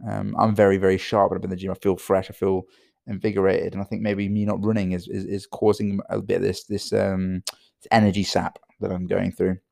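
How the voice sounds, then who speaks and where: Tired British man with a gravelly voice. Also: deep voice, level tone, a little fast, darkish tone, dry recording, clean studio sound. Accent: British English. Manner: rambling, with many fillers and repeated words. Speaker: podcast host and entrepreneur. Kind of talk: solo podcast monologue.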